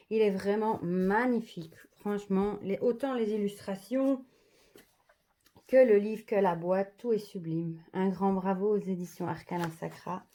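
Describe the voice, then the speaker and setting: A woman's voice: mid-range voice, dark tone. A woman showing off an oracle card deck in a casual vlog, murmuring each card's name in an admiring voice that often drops to a half-whisper.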